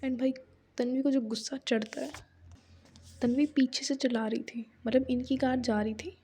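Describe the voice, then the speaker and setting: A woman's voice: high-pitched, steady tone, moderate pace, warm tone, slight background noise. A young woman casually narrating an audio story in a chatty, conversational way with lots of fillers.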